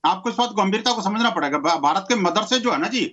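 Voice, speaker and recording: A man making forceful, declamatory points as a panelist in a TV debate. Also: high-pitched, animated, fast, dull audio. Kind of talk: TV debate argument.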